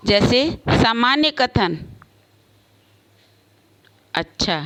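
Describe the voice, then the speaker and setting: A woman teacher giving an online class lesson, explaining slowly with spoken examples and varied emphasis. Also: a little high, lively intonation, noisy background. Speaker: school teacher.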